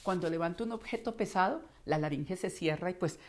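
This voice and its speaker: Woman, Colombian accent, lowish pitch, voice coach lesson, expressive storyteller. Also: fairly quick. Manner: expressive, acts out voices in anecdotes. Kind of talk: instructional talk.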